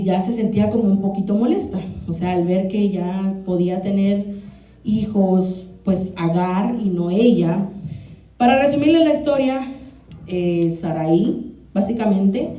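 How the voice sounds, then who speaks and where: A young woman, preaching a sermon in a lively, humorous, storytelling way in a church hall. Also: medium pitch. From Guatemala. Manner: animated, humorous, acts out shouts. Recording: echoey church hall from far off.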